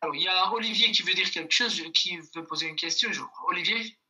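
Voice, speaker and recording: A man's voice: high-pitched, quick pace, pushed and bright, rough recording. A man teaching a language class online, patiently repeating each example and checking in with his students.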